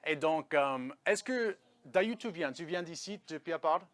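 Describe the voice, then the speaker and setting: A man's voice: fairly high pitch, lively intonation, measured pace, a bit bright, no room sound. A man, hosting and narrating a documentary interview. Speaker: host and interviewer.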